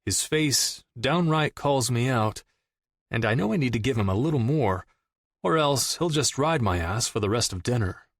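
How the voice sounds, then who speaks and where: A man's voice: mid-range voice, expressive, moderate pace, dry recording, clean studio sound. A man narrating a romantic comedy audiobook in first person, in a casual, wry and profane manner.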